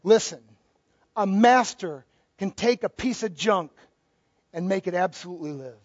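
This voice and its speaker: A man's voice: sits high, expressive, moderate pace, dry recording. A middle-aged male pastor giving a conversational sermon with joking asides. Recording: dull, dry lo-fi recording.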